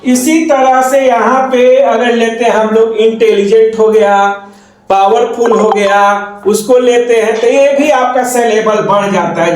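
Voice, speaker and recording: Hindi-accented guy teaching grammar, keeps repeating stuff and quizzing himself, echoey room. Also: very high-pitched. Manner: repetitive, asks and answers his own questions. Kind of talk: classroom lesson explaining grammar.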